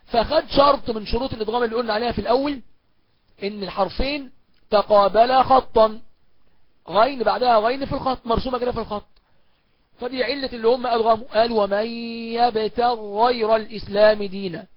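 A man with an Egyptian accent teaching Quran recitation in a recorded course, asking and answering his own questions and slowing down to recite examples. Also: very high voice, steady tone, dry recording, muffled recording. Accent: Egyptian Arabic. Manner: slows down to recite verse examples. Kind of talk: recorded online course lecture.

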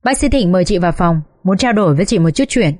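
A kind hospital nurse with gentle, encouraging words, voiced by a woman narrator. The tone is warm and mellow. It is an audiobook reading. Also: lowish voice, lively intonation, fast.

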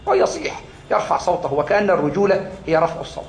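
Egyptian guy lecturing a class on religion, kinda high voice, keeps repeating words, roomy echo. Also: fairly quick. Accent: Egyptian Arabic. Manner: repeats key words for emphasis, asks and answers his own questions. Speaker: Islamic studies lecturer. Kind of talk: religious lesson to a gathered class. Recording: echoey room, faint background noise.

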